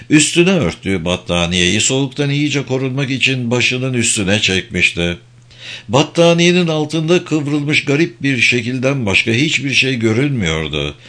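Male narrator reading a novel, mid voice, pitch moves around a lot, measured and expressive.

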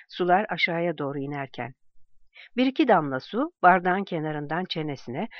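An audiobook narrator reading a novel chapter in an even, measured way. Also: medium pitch, no echo, lo-fi sound. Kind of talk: scripted narration.

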